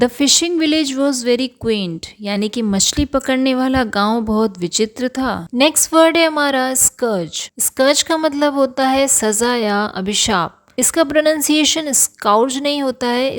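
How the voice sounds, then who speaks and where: A woman with a slightly high voice runs a vocabulary lesson. She explains each word and repeats it to correct how it is said. She slows right down to read the English example sentences with care. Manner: reads English example sentences slowly and deliberately.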